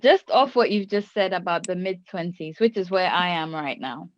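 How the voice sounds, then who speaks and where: A woman's voice: on the low side, moderate pace, dry recording, dull audio. Woman in her twenties, dry close sound. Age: 20s. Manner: reflective, asks probing questions. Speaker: podcast host. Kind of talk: casual chat.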